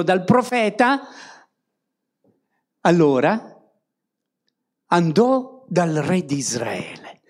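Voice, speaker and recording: A woman's voice: fairly high pitch, darkish tone. A woman preaching a sermon to a congregation, often tagging on rhetorical questions to draw her listeners in.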